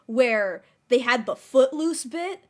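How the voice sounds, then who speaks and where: A woman's voice: high voice, lively intonation, takes it slowly. A young woman co-hosting a casual recap podcast, enthusiastic and explaining context for listeners. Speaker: podcast co-host.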